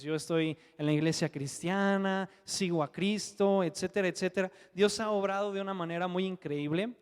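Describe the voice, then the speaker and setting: A man delivers a sermon built around a personal testimony, speaking earnestly and conversationally with frequent tag questions. His voice sits fairly high. A long hall reverb trails every phrase. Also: clear, resonant tone. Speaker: preacher. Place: church hall.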